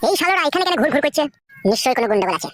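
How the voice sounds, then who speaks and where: A woman's voice: high voice, sing-song, rapid-fire, over music, voice pushed down. A woman voicing a young village man in a comic cartoon, muttering his boastful plans to run off with a girl. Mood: scheming. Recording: noisy homemade recording.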